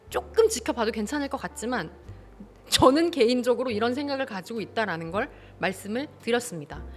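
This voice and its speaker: A woman hosts an advice show, reading a listener's letter and answering it with indignant, animated commentary. Her voice sits fairly high and swings widely in pitch. Faint background music plays under her. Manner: animated, indignant, acts out dialogue. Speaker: host giving advice on listener stories. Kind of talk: casual advice talk.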